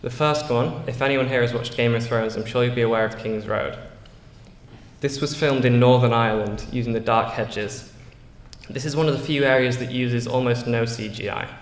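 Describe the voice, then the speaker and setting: This Yorkshire-accented English teen speaks at normal speed in a steady, mid-range male voice. His earnest, prepared school speech has a few small slips and fillers, and the echoey hall gives it a long reverb.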